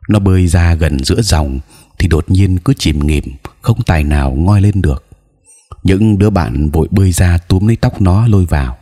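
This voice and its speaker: A man's voice: deep voice, mellow. A man voicing a sad village uncle who steadily explains what happened. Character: sad village uncle telling bad news.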